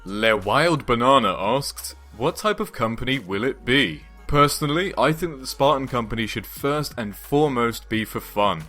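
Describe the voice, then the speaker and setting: A man's voice: mid-range voice, expressive, normal speed, few pauses, bright, forceful tone, soft background music. A man in his twenties hosting a gaming channel, answering viewer questions in an upbeat, casual vlog voice-over with joking asides. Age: 20s. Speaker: YouTube gaming channel host.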